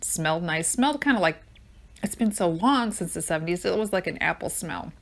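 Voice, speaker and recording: A woman's voice: on the low side, animated, brisk. An older woman hosting her own podcast, talking in a rambling, improvised, chatty way. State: out of breath. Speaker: podcast host. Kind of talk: casual improvised monologue.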